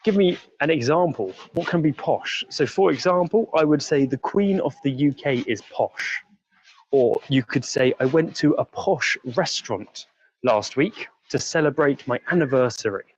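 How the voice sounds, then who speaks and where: A man with an English accent, leading a live-streamed walking tour outdoors on busy city streets. He speaks in a friendly way, explains words slowly and reads out viewer comments. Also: on the high side, expressive, slightly rough, dull audio. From England.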